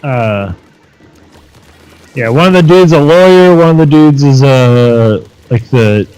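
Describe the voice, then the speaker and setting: A man chats loosely with his co-host while they play a video game, playing down his own skill and swearing offhandedly. His voice sits at an ordinary middle pitch. Faint game music plays underneath. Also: takes it slowly, smooth, dry recording, poor audio. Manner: relaxed, swears casually, self-deprecating. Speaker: podcast co-host.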